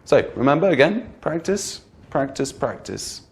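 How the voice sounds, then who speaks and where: A man teaching an online English pronunciation lesson, patiently repeating example words and slowing down to show which words carry stress. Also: on the high side, big pitch swings, darkish tone.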